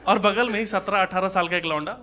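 A fast-talking man with a high voice, a stand-up comedian from Uttar Pradesh, India, delivers live observational stories on a small indoor club stage. He's colloquial and chatty, acting out the dialogue in his anecdotes. Heard through a handheld stage microphone, the live recording includes audience laughter and noise.

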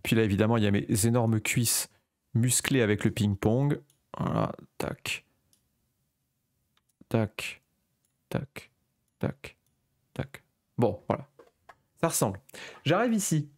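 A man's voice: on the low side, takes it slowly, long pauses, a little mellow. A French man with a Parisian-region accent, riffing playfully as a comedy panel judge with exaggerated storytelling. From France. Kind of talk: comedic casual commentary.

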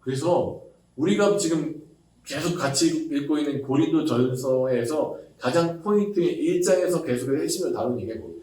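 A man preaching a casual sermon to young adults, animated, acting out quoted voices with chatty asides. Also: a little high, normal speed, far from the mic. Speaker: pastor. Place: church worship hall. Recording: roomy echo, speaker away from mic.

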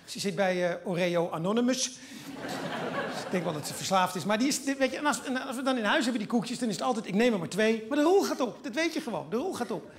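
A middle-aged man performing stand-up comedy, telling a rambling story with lots of asides. His voice sits high and his words tumble out fast. He keeps it lively and chatty. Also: a little hiss or hum. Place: theatre stage before an audience.

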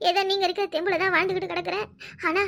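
This is a distraught village wife from a cartoon, voiced by a woman, wailing and pleading in a thick Kanyakumari Tamil accent. Her voice sits very high and sounds bright and tense, and she scolds as readily as she cries. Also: flat delivery, rapid-fire, creaky, full character voice. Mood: despairing. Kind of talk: cartoon voice acting.

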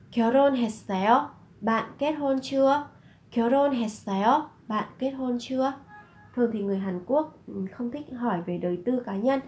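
Female Korean tutor, higher pitch, patient slow drills with repetition. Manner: repeats Korean phrases slowly, then explains in Vietnamese. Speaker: Korean language teacher. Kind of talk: slow explanatory lesson narration.

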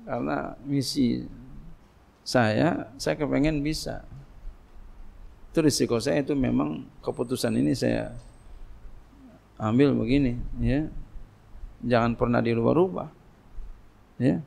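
Gravelly-voiced man lecturing casually. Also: medium pitch, measured pace, pauses often, darkish tone. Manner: conversational, repeats phrases, asks rhetorical questions. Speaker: Islamic boarding school teacher. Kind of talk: religious lecture.

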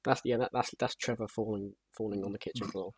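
A young man chatting casually with a friend while gaming, with a husky voice and dry, rambling humor. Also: fairly low pitch, steady tone, fast talker, a little mellow, no echo. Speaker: co-host.

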